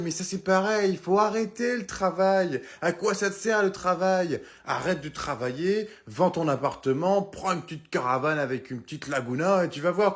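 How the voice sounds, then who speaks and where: Sketch role: man doing a drawling stoner guy, slightly high voice, slangy. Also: a bit bright. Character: stoned laid-back male slacker, preachy. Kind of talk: comedy sketch.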